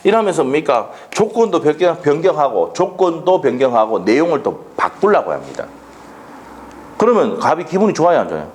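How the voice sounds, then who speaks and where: Animated law lecturer. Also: male voice, on the high side, fairly quick. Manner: lively, quizzing students with rhetorical questions; slips into blunt local dialect jokes. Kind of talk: exam-prep lecture.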